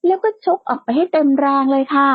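A woman's voice: high-pitched, fast, no echo, close to an everyday voice. A woman voicing a bold, playful young woman who likes to tease, in a lightly lo-fi, dry recording. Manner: playful and outspoken, bright and teasing.

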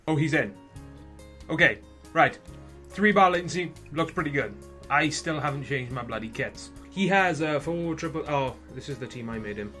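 A young man with a Welsh accent giving casual gameplay commentary, chatty one moment and shouting at the game the next, with mild swearing. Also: fairly high pitch, normal speed, faint music behind. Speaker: gaming video host.

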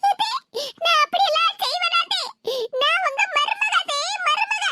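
A woman's voice: very high-pitched, sing-song, a little fast. A woman doing a whiny young daughter-in-law with a Tirunelveli accent. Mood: pleading. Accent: Tirunelveli Tamil. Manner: whiny, begging. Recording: hissy home recording.

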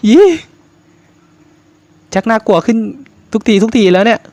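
A man's voice: sits high, big pitch swings, a little slow, a little mellow, no room sound. A man commentating a horror game for his viewers, jumpy and swearing casually. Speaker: gaming YouTuber.

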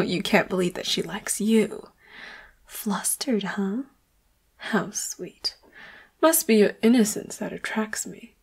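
In an intimate audio roleplay, a woman voices a seductive leopard-hybrid boss who is secretly murderous yet tender toward the listener. Her fairly high, fully characterized voice is breathy and often whispered, coy and teasing.

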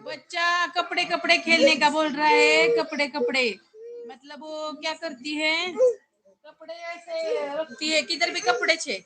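A woman's voice: sits high, level tone, unhurried, crowd noise. A woman on a casual home live stream, coaxing and scolding a crying child. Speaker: vlogger.

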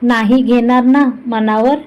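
A woman's voice: fairly high pitch, steady tone, slow pace, darkish tone, highs cut off. A woman voicing a cheeky, talkative young man teasing his older brother in a storybook reading. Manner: chatty, cheeky, playful.

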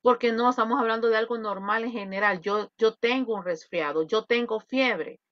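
A woman with a fairly high voice teaches an online English grammar class in Spanish at a moderate pace, explaining patiently and quizzing her students. The video-call audio is dull and dry.

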